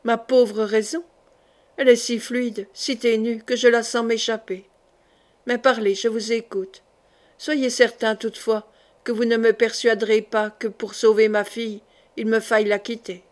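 A woman's voice: a little high, level tone, measured pace, lightly acted. A woman reading the part of a desperate, grieving noble mother in an audiobook, pleading and fierce. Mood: shaken.

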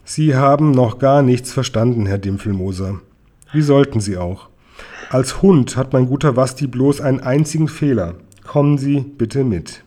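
A man's voice: medium pitch, expressive, mellow, natural voice. A man doing a brusque old fortune-teller woman. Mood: lecturing. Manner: brisk, lecturing, scolding. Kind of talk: storybook read-aloud.

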